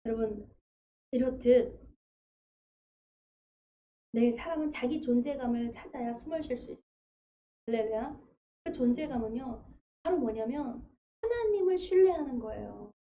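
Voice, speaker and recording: A woman's voice: on the high side, lively intonation, moderate pace, pauses often, warm tone, highs cut off, slight background noise. A woman pastor preaching a sermon in a conversational, storytelling way, acting out quotes as she goes. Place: church sanctuary.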